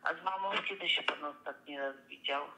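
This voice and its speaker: A woman's voice: sits low, fairly quick, sharp tone. A woman fortune teller heard over a phone line, patiently and politely reading cards for a caller, with hesitant fillers.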